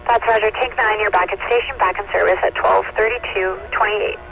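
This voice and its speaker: A man working as a fire dispatcher, heard over a two-way radio, briskly reading back calls and giving times. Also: high-pitched, steady tone, gravelly, pushed and bright. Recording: muffled radio with faint static.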